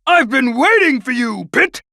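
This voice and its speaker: A man acts out a mock game villain boss with slow, theatrical menace. The voice is youthful and high, gloating and showy. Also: very animated, gravelly, sharp tone, exaggerated voice.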